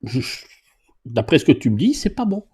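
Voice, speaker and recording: A man's voice: mid-range voice, sing-song, normal speed, darkish tone, husky. A man who teaches driving, answering viewer questions live in a chatty, joking way and reading comments aloud. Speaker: driving instructor and YouTuber.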